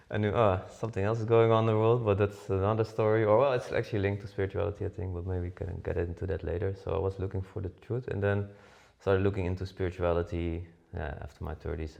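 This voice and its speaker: Here a Dutchman in his forties co-hosts a podcast, his low voice creaky and slightly mellow. The conversation is relaxed and loose, with many fillers and restarts.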